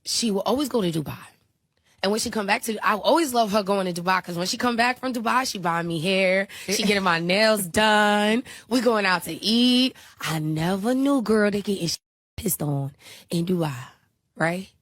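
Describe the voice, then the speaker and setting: A woman telling a story in a casual, animated, gossipy way. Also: mid-range voice, moderate pace, no echo.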